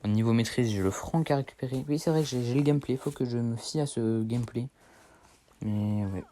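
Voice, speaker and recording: A man's voice: mid-range voice, brisk, mellow. A teenage boy chatting casually over his gameplay, rambling in slang and correcting himself as he goes. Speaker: gaming streamer.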